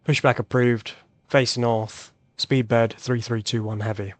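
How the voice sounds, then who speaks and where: A man with a medium-pitched, level voice talks a little slowly as he hosts a flight simulator video. He thinks aloud while demonstrating, offering casual tutorial commentary and reading back radio calls.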